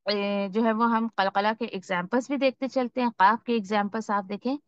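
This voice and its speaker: A woman teaching Quran recitation in an online lesson. She patiently explains each rule, then models every word slowly. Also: mid-range voice, fairly even intonation, clean tone, no echo, dull audio.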